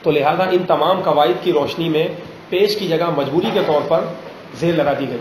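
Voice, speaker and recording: A man teaching a grammar lesson in a classroom, pausing often to ask students questions and slowing down on examples. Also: on the high side, noisy background. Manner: drills students with frequent check questions; slows down to spell out example phrases. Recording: roomy classroom echo.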